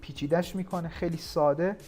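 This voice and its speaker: A man from Iran teaching an English grammar lesson, explaining patiently and slowing down to read English example sentences. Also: a little high, steady tone, a little mellow, soft background music.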